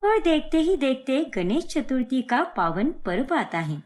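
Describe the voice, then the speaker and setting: A woman narrates a cartoon moral story. Her delivery is slow and expressive, set fairly high, with a lively melody.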